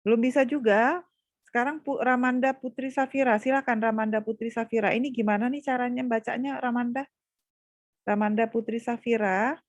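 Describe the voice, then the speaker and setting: A woman's voice: fairly high pitch, fairly even intonation, fairly quick, no room sound. Woman lecturer calling on students in an online class. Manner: calls on students by name, patient prompting. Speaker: university lecturer. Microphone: video call.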